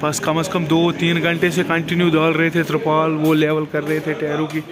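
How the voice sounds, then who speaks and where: A young man gives a chatty, explaining vlog commentary on a handheld phone in an outdoor truck loading yard. His voice sits a touch high for a man. People and traffic chatter all around him. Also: monotone, normal speed. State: tired. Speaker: truck driver vlogger. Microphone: phone camera held by hand.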